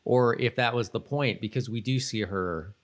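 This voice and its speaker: A middle-aged man co-hosts a casual podcast recapping a TV episode, thinking aloud in a hesitant, rambling way. His voice is mid-range at normal speed.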